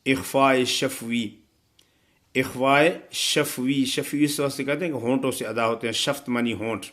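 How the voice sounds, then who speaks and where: A man teaching a recitation lesson, chanting verses slowly and melodically, then explaining the rules in quick, matter-of-fact speech. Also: medium pitch, fairly even intonation, fairly bright tone. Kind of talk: tajweed lesson.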